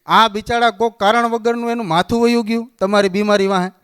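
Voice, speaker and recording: A man's voice: sits high, fairly even intonation, a little fast, a bit bright, smooth. A man with a Kathiawadi Gujarati accent giving a storytelling sermon, acting out the dialogue of the figures in the tale. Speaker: religious speaker.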